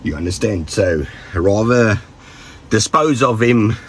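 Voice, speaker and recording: Down with the flu, this South African vlogger has a rough, lowish voice that is expressive and unhurried, with a slight hiss or hum underneath. He offers his viewers joking, laid-back safety advice and rambles off into asides that trail away.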